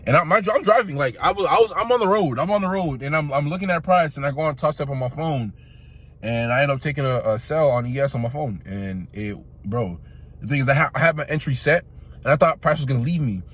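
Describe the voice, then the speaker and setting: A man's voice: fairly high pitch, fast, fairly bright tone, slightly rough. A young man talking casually in a vlog, slangy and rambling, calling viewers "bro" and restarting his sentences often. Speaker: vlogger. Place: car, on the road.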